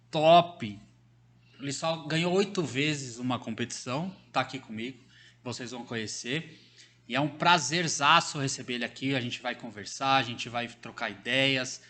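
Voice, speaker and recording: A man's voice: mid-range voice, sharp tone. A man from Brazil hosting a casual sports podcast interview, upbeat and jokey, often chiming in. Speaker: podcast host.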